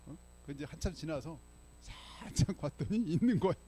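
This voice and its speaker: This older male pastor tells stories from the pulpit of a church sanctuary, keeping it conversational and frequently checking in with a "예?" His voice is a little high and slightly rough, with a dark tone and lively intonation at a normal speed.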